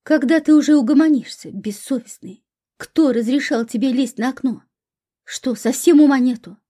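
A woman voicing a harsh stepmother who scolds coarsely, with a husky voice. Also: high-pitched, normal speed, mellow. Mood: scolding.

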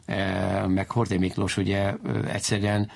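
A man with a deep voice and vocal fry speaks as an interviewed historian, giving an unscripted explanation of history. His delivery is flat, halting and digressive, and he often corrects himself.

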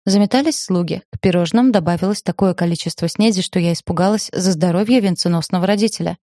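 Woman audiobook narrator, measured and lightly ironic. Low-mellow, dry. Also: no echo. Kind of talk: scripted first-person novel narration.

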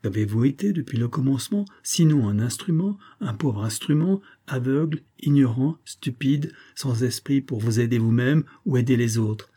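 A man voicing a smooth, scheming middle-aged army major with a coaxing, honeyed manner. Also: mid-range voice, moderate pace, hardly any pauses, mellow, natural voice. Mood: contemptuous. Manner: coaxing, honeyed, then contemptuous.

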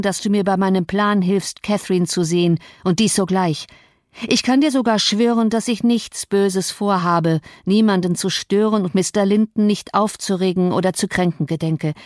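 A woman voicing a brooding, domineering and violent grown man in an audiobook, forceful and threatening. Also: mid-range voice, dry recording, clean studio sound, natural voice. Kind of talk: audiobook reading.

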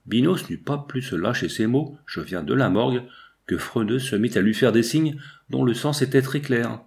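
A man narrating a novel aloud in a measured storytelling manner. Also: medium pitch, creaky, a little mellow. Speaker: audiobook narrator.

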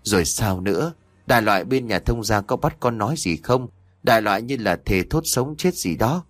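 Old village father, blunt and remorseful, pleading, lively pitch, read by a man. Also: moderate pace, dry recording. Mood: puzzled. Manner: pleading, scolding.

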